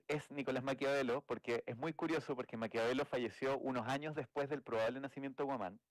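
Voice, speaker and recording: A man's voice: mid-range voice, no room sound, poor audio. A man from Chile, speaking, giving a thoughtful academic talk as a game designer, with frequent restarts and "eh" fillers. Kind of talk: academic lecture.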